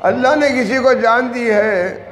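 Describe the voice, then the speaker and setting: A man's voice: very high voice, measured pace, fairly bright tone, a little hiss or hum. A man teaching Quran recitation, correcting pronunciation and explaining breath control in an instructive manner. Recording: echoey hall with faint ambience.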